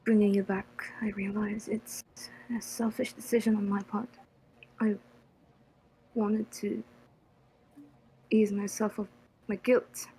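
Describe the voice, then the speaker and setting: A woman voicing a remorseful young woman in whispered role-play, speaking softly and haltingly. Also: mid-range voice, flat delivery, slight background noise, poor audio. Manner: halting, hesitant, soft.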